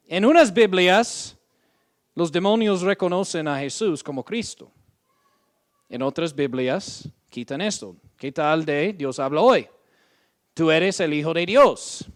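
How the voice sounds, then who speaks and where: A man's voice: a little high, animated. A man preaching a sermon as pastor, reading Bible verses aloud and often checking in with "ok?". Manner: slow, deliberate delivery with frequent "¿ok?" check-ins; reads scripture aloud, drawing out quoted verses.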